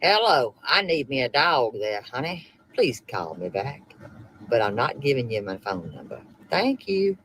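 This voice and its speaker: A woman's voice: a bass voice, very animated, a little slow, a bit bright, a little hiss or hum, low-quality recording. A woman leaving a rambling voicemail, muttering curses as she goes. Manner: rambling, curses under her breath. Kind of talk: phone call recording played back.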